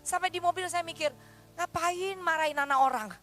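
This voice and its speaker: A woman's voice: very high voice, fairly quick. A middle-aged woman with an East Javanese Indonesian accent, preaching a sermon with stories and acting out the dialogue. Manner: animated, acts out dialogue in her stories. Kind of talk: sermon with storytelling. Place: church service.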